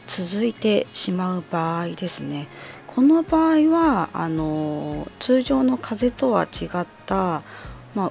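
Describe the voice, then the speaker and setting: A woman speaks in a low-pitched voice as a podcast host giving informal health advice. She explains things politely and a little hesitantly, phrase by phrase. Faint music plays behind her. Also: vocal fry, darkish tone. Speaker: podcast host answering listener letters.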